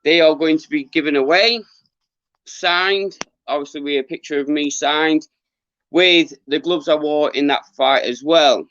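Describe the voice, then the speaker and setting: A middle-aged man who is losing his voice, chatting casually to viewers on a livestream in an earnest, halting, rambling way. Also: fairly high pitch, fairly bright tone, a little hiss or hum. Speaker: livestream host, former boxer. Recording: dull lo-fi livestream audio.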